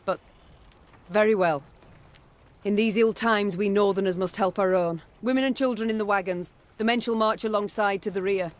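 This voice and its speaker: Stern regal queen, voiced by a male storyteller, lifted pitch, firm orders. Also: moderate pace, close to an everyday voice. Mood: commanding. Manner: commanding, regal. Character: stern proud warrior queen, a woman. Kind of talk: storybook narration in a game.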